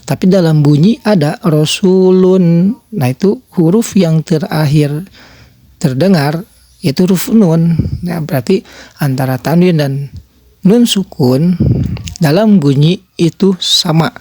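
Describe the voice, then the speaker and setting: A man with a fairly high voice gives a patient beginners' tajwid lesson. He explains each rule plainly and stretches out the sample recitations. The recording is close and dry, with no room sound. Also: slow, pauses often, a little mellow, no echo. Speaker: tajwid teacher.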